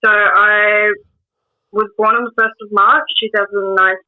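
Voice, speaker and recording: An Australian woman in her twenties tells stories as a guest in a casual interview. Her voice sits at a middle pitch with little movement, and she's hesitant, full of ums, pauses and restarts. The sound is narrow and tinny, like a phone call.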